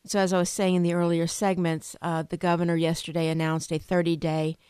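A woman with a smooth, lowish voice gives interview answers as an attorney. She speaks haltingly and is recorded dry and close. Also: level tone, a little mellow, no room sound. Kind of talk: spontaneous radio interview answers.

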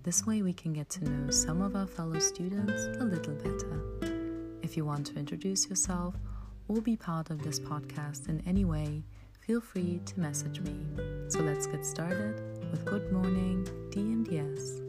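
A woman's voice: on the low side, moderate pace. A young woman hosting a student podcast, asking upbeat, curious questions. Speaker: podcast host. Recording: guitar music behind. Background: guitar music.

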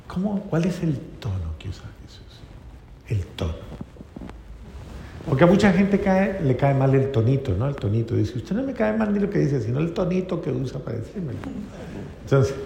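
A man preaching a sermon to a congregation, asking rhetorical questions and often softening to a gentle, tender tone. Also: mid-range voice, gravelly, slight background noise. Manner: rhetorical questions, drops to soft tender tones. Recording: echoey hall with faint ambience.

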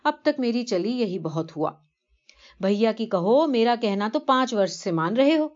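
A woman voicing a calm husband soothing his wife in a story reading, on a dull lo-fi recording. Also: on the high side, natural voice. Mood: placating. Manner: soothing, placating. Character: husband, young father, calm and placating.

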